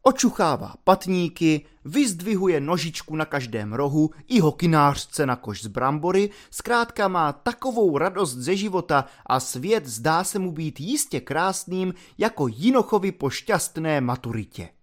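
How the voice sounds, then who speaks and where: A man narrating a novel aloud with a lively, sweeping intonation. His voice sits slightly high for a man, and his reading is expressive and animated. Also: few pauses. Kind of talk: audiobook narration.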